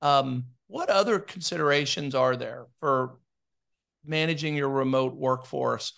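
A man co-hosting a business podcast in casual chat, giving steady advice with many ums and restarts. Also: mid-range voice, a little slow, creaky. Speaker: podcast co-host.

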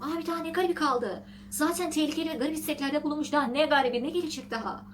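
A woman hosting a casual vlog, reading an article aloud and mocking it with sarcastic asides and shrill outbursts, laughing often. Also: very fast, slight background noise. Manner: laughs often while talking. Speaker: vlog host.

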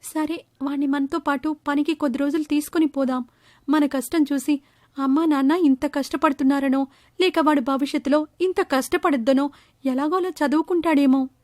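A woman's voice: high voice, fairly even intonation, normal speed, a little mellow, no echo, studio quality, close to an everyday voice. A woman voicing a practical, blunt village mother talking to her husband, in a storybook tale. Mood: reassuring. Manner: reassuring, blunt.

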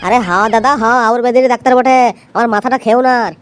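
A woman's voice: on the high side, racing, lightly acted. A woman voicing an impatient clinic compounder in a cartoon, bossy and snappy. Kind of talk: cartoon voice acting.

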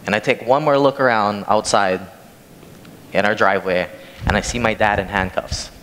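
A man's voice: on the low side, moderate pace, a bit bright. A young man from Hawaii preaching a sermon in a large church sanctuary, reading scripture and then telling a personal story in a plain conversational way as he walks the stage with a handheld mic. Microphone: handheld microphone from a far camera. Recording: long church hall reverb, faint noise.

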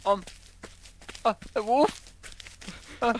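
A man playing a horror game with a friend, chatty, excitable and giggly, swearing freely. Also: very high voice, extremely slow, slight background noise. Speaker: co-player. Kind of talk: casual co-op gameplay banter.

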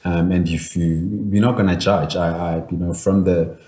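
A man from South Africa talking thoughtfully on a radio panel, pausing often with ums. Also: low voice, fairly even intonation, dark tone, reverberant. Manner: thoughtful, hesitant with frequent ums. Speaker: panel guest. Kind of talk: casual panel discussion. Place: radio studio.

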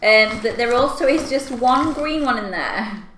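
A young woman chatting casually to camera as she tastes and eats candy, with expressive, exclaiming reactions. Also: a little high, measured pace. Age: young adult. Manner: talking while eating candy and snacks. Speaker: video host. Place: small furnished room at home, indoors. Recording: echoey room, clear background noise.

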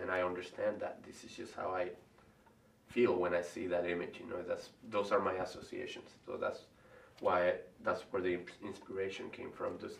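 Low-sitting and full of vocal fry, this middle-aged Venezuelan-accented man, an artist who teaches college, works through interview questions with many pauses and false starts. A far-off camera records him in front of a big painting, catching room echo and a faint hiss.

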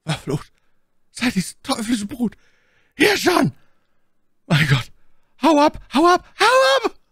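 A man doing a terrified trapped man, strained and high. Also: wildly swooping pitch, slow, fairly bright tone, breathy edge, dry recording, studio quality, full character voice. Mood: screaming. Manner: desperate, pleading, half-whispered.

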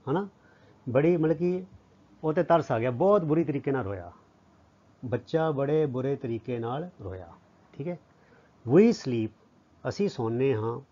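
A man with a Punjabi accent teaches grammar in a mellow, dark voice. He reads English sentences slowly and asks questions that he answers himself. The audio is dull and lo-fi. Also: fairly high pitch. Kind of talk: grammar lesson explained in Punjabi.

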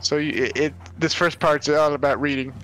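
A man's voice: on the high side, fairly even intonation, moderate pace, a bit bright, a little hiss or hum, poor audio. A man giving casual gameplay commentary, joking and playfully bossing his partner around. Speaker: gamer guiding a co-op partner.

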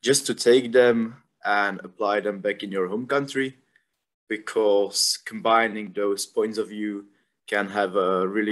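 A young man from the Republic, a university student talking casually and thoughtfully about his studies, with frequent fillers. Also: on the low side. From Czech Republic. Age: young adult. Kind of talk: casual informational talk.

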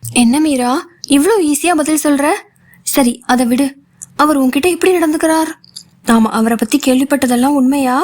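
A woman voicing an anxious, chatty young female friend who fires off rapid worried questions in an audiobook. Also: high voice, a little mellow, close to an everyday voice. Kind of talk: audiobook character voice.

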